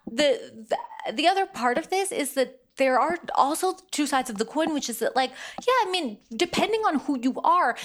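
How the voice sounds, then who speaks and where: Animated woman podcast co-host. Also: high voice. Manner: animated, laughing, emphatic. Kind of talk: casual conversation.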